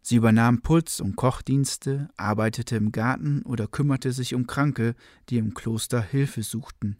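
A man tells an old legend in a calm, even storytelling manner. His voice sits at an ordinary middle pitch. The close recording is dry, with no room echo. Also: measured pace. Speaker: narrator.

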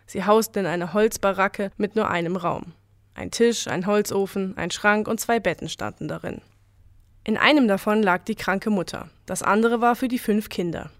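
Calm woman narrating a folk tale. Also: medium pitch, moderate pace, no echo, clean studio sound. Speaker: storyteller.

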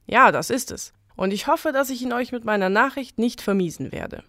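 A woman's voice: a little high, lively intonation, moderate pace, fairly bright tone, no echo, clean studio sound, pitched above the performer's own voice. A woman voicing a stern medieval Frankish prince who gives his daughter firm commands, in an audio legend reading. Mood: cordial.

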